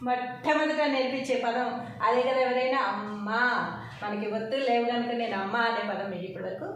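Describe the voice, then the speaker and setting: A woman teacher patiently spelling out letters one by one in a slow lesson. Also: fairly high pitch, slight background noise. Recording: echoey room, mic far off.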